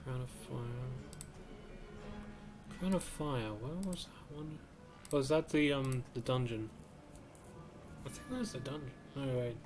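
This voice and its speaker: Slow, musing male streamer. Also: mid-range voice, music in the background. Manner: slow, musing, mutters to himself. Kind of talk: casual gameplay commentary.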